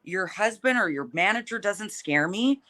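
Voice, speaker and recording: Feisty, forceful woman fighter with a bright voice. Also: mid-range voice, expressive, normal speed. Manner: feisty, combative and blunt, swearing freely. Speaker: professional fighter interviewed. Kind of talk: casual, heated trash talk in an interview.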